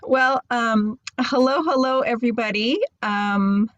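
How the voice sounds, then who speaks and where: A woman giving a casual talk over a video call from inside a camper van, nervous and halting with many fillers. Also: on the high side, fairly bright tone, no room sound. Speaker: guest speaker. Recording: dull dry video call audio.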